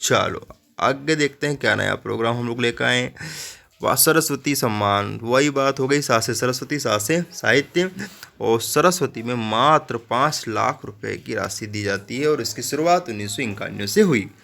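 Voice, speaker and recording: A male teacher walks students through memory tricks for a general knowledge lesson. His voice is bright and forceful, and he often breaks off into joking asides. He keeps checking in with the class as he goes. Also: medium pitch, moderate pace, gravelly. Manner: repeats "ठीक है" as a check-in.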